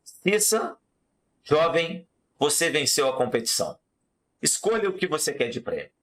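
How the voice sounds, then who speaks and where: A man voicing an impatient, proud king in a storytelling lesson, talking in an excited, demanding way. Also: a little high, normal speed. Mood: commanding, amazed.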